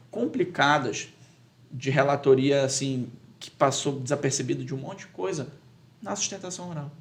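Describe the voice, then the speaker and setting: A man, a lawyer and public speaking teacher answering as a podcast guest, talking emphatically and getting loud when he acts out a courtroom plea. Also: a little high. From Pará, Brazil.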